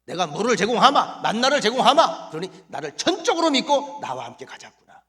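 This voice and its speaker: God as a booming, fatherly protector, raised and declaiming, acted by a male pastor. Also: huge pitch swings, brisk, full character voice. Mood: promising. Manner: solemn promises, loud and raised.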